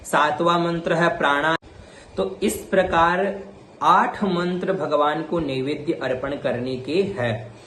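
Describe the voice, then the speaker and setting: A man teaching the pronunciation of Vedic mantras, chanting each mantra slowly and then explaining briefly. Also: fairly high pitch, a bit bright, roomy sound, slight background noise.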